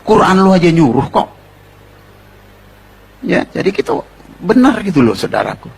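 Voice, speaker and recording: A man with a Betawi accent delivers a sermon in a strongly husky, rasping voice. His voice sits a little high, and he preaches in an animated way, mixing jokes with rapid rhetorical questions aimed at his listeners. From Jakarta, Indonesia. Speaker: pastor.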